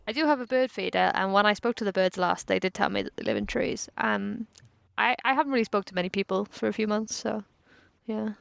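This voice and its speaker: A woman's voice: mid-range voice, fairly quick, vocal fry, fairly bright tone, smooth, highs cut off. A woman guesting on an improv podcast, chatting casually in a giggly, self-deprecating way.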